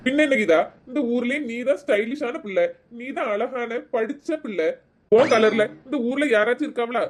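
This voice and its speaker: A woman's voice: on the high side, moderate pace, natural voice. A woman voicing a lovesick young businessman son in a cartoon, sweet-talking his sweetheart. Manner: sweet-talking, self-pitying.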